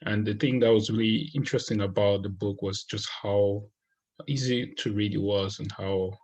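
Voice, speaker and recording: A man from Cameroon talks through his thoughts on a book in a relaxed, unscripted way, pausing often with fillers and restarting sentences. His voice sits low and husky, and his delivery stays fairly flat. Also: low-quality recording. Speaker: book reviewer. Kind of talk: casual spoken book review. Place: United States.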